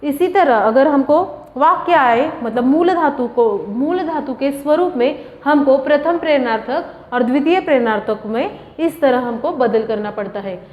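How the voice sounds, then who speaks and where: A woman's voice: high voice, expressive, measured pace, hardly any pauses. A woman teaching a grammar lesson, explaining step by step and answering her own questions. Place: classroom or coaching room. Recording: echoey room, dull lo-fi sound.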